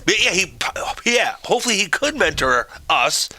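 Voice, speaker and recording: An older man rambles through a casual podcast story, full of halting restarts. His voice is bright and lively, rising and falling a lot as he talks. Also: high voice. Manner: halting, many restarts, shouts out acted chants in stories. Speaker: podcast co-host.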